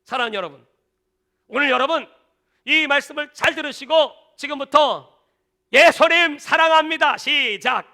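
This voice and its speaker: High, bright-voiced male pastor preaching. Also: normal speed. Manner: emphatic, colloquial, storytelling. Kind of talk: sermon.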